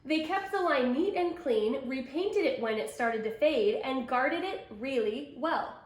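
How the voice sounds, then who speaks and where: In an echoey room, a woman reads a children's picture book aloud, telling the story expressively and with emphasis while making asides to her young listeners. Her voice sits high and is expressive, and her pace is a little slow.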